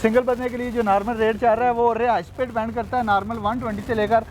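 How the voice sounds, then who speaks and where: Male guest, courteous and measured, notably high voice, faint outdoor noise. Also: flat delivery. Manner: polite, measured explaining. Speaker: guest advising on moving to Portugal. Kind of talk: informal interview.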